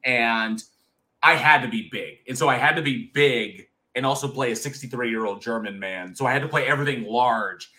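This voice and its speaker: A man in his thirties co-hosts a casual live chat show reviewing horror, speaking at a moderate pace in a mid-range voice with a sharp tone. He is candid, swears freely, and often restarts his sentences.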